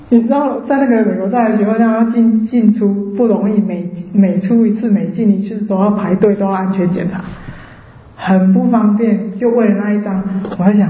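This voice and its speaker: A woman from Taiwan with a Taiwanese Mandarin accent, giving a personal faith testimony as a lively storyteller who acts out the voices of people she quotes. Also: medium pitch. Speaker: church member giving testimony. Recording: roomy, slightly dull sound.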